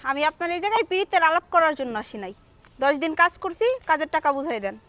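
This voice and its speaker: A woman's voice: high-pitched, animated, fast talker, a bit bright. A woman playing a defiant poor laborer. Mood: firm. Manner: indignant, firm, demanding. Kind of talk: short-film drama acting.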